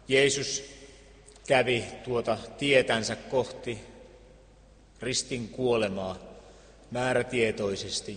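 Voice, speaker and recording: A man reading Scripture aloud and preaching, solemn and measured, with deliberate pauses. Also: mid-range voice, a bit bright. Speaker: pastor. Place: church. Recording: long church reverb.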